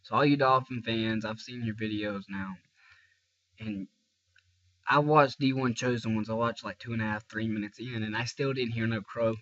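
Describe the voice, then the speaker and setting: A man's voice: fairly low pitch, fairly even intonation, moderate pace, fairly bright tone. Congested young man ranting, lo-fi. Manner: rambling, frank, restarts a lot. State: congested and tired. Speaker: sports fan vlogger. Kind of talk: casual fan rant to camera. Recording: dull lo-fi recording.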